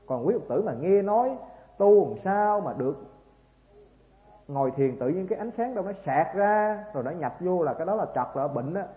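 A Southern Vietnamese man gives a Buddhist sermon in a fairly high, lively voice that rises and falls as he tells the story. He keeps pulling the listeners in with rhetorical questions. The sound is thin and phone-like, with a long echo from a large hall. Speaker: Buddhist preacher. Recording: tinny, echoey hall recording.

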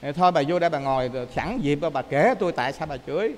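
A Buddhist monk with a Southern Vietnamese accent gives a dharma talk in a high, bright male voice. He tells his stories with lively energy and keeps asking the congregation to confirm what he says. A long reverb tail hangs behind every phrase. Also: very fast. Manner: lively storyteller, often asks listeners to confirm.

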